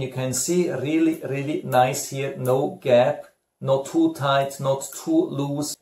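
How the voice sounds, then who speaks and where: A man's voice: mid-range voice, a little mellow, a little hiss or hum. A middle-aged man explaining and demonstrating a product in a casual review to camera, seated at a desk indoors. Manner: explanatory, demonstrating a tool while talking. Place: small indoor room at a desk. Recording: echoey small room.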